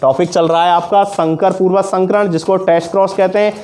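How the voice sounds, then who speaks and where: A man teaching a school science lesson, asking questions and answering them himself with steady repetition. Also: sits high, a little fast. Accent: Hindi-speaking north Indian. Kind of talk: classroom lesson with call-and-response questions.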